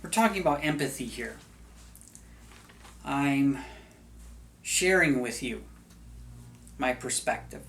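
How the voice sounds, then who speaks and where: A middle-aged American man hosts a video in a medium-pitched voice, talking slowly with long pauses through a casual, rambling monologue packed with wandering, jokey asides. The recording is rough, with steady background noise.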